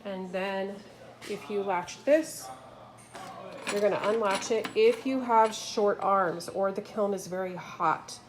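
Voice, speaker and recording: A woman's voice: mid-range voice, fairly even intonation, slow pace, noisy background. A woman giving a patient, step-by-step demonstration as an instructor, talking into the phone she films with. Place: kiln room. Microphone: phone held while filming.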